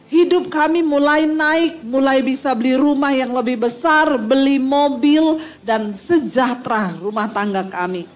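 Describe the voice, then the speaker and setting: A middle-aged woman pastor preaching a storytelling sermon, talking straight to the congregation and acting out the voices of the people in her story. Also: high voice. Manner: addresses the congregation directly as saudara and ibu-ibu.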